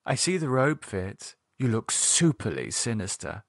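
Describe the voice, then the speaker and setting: A man's voice: medium pitch, big pitch swings, a little slow, creaky, no room sound, clean studio sound, heavily acted. A man voicing a young woman hosting a cult gathering, breezy and teasing. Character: young woman, cheerful sinister cult hostess.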